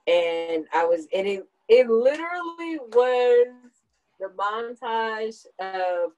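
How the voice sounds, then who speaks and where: A woman in her thirties hosts a podcast in a casual, conversational chat, thinking aloud and explaining things at length. Her voice is a little high and expressive, with a darkish tone, and she takes her time. The recording sounds muffled.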